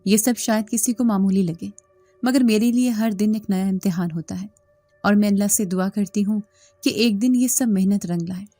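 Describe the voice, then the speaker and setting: Mellow-voiced woman narrating a horror story. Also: medium pitch, dry recording. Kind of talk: scripted first-person horror story narration.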